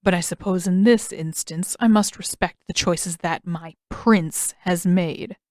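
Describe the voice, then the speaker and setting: A woman's voice: fairly low pitch, moderate pace, dry recording, clean studio sound, natural voice. A woman putting on a smug, sarcastic admiral. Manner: mocking, sarcastic. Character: smug sarcastic male naval admiral, cold and condescending. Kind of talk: fan audiobook reading.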